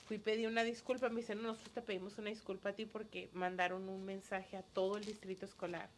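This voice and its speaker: Woman leading a bible study, telling her own story, earnest and emotional, medium pitch. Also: level tone, fast talker, slight background noise. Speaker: Bible study leader and schoolteacher. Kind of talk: casual testimony in a Bible study.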